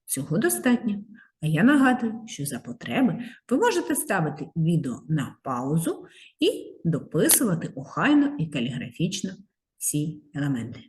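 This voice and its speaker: A woman teaching young children to write letters, her lowish voice rising and falling in a lively sing-song. She speaks slowly and stretches out each sound so the little ones can follow. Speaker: primary school teacher. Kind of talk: handwriting lesson for young children.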